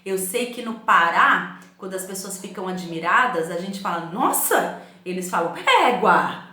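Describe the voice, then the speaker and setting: A middle-aged woman with a São Paulo accent, teaching a remote class and telling stories in a lively way, often asking "né?". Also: fairly low pitch, moderate pace. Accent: São Paulo Portuguese. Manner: storytelling, animated, asks the class "né?". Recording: echoey room.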